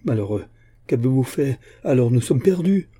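A man reading a novel aloud, voicing a shrewd, melancholy old bishop and former musketeer who speaks in a measured, guarded way. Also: on the low side, warm tone, husky.

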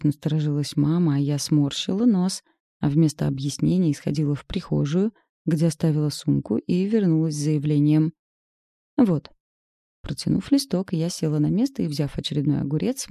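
A woman reading a first-person story aloud in a lively, wry narrating manner on a close mic. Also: deep voice, a little fast, gravelly, dry recording. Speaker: audiobook narrator.

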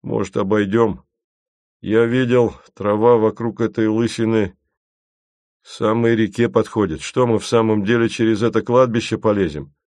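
Мужчина в роли грубоватого Фомина. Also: male voice, fairly low pitch, fairly even intonation, moderate pace, darkish tone, dry recording, studio quality, close to an everyday voice. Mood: matter-of-fact. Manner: blunt, brusque. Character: gruff practical young man, quick-tempered.

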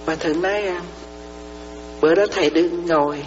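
A woman's voice: fairly low pitch, steady tone, a little fast, a little mellow. A woman, a Buddhist nun, giving a dharma talk to lay followers. She explains through parables and often asks whether her listeners understand. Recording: reverberant hall, dull lo-fi sound, faint mains hum.

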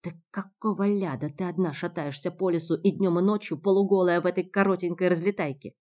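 A woman voices a tough young man, curt and accusing, with a low, mellow tone. The sound comes through a dull lo-fi recording. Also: steady tone, fairly quick, close to an everyday voice. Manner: curt, growling.

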